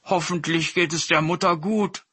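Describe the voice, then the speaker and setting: A man voicing a big male tiger that is hungry yet gullible and soft-hearted. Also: on the high side, steady tone, normal speed, breathy edge, no room sound, pitched above the performer's own voice. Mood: curious. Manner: wondering, emotional.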